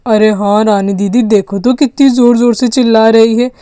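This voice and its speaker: A woman's voice: fairly high pitch, moderate pace, clean tone, dry recording, clean studio sound, close to an everyday voice. A woman doing an eager hungry little boy. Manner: eager, excitable kid talk. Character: young boy, playful, always hungry. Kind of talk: doll story role-play.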